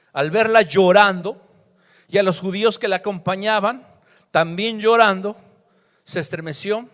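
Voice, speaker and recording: A male pastor, preaching a sermon that swings between loud emphasis and hushed scripture reading. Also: high voice. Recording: long hall reverb.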